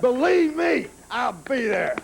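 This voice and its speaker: A man shouting a taunting wrestling promo in a folksy, boastful way. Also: very high-pitched, big pitch swings, slow pace, gravelly.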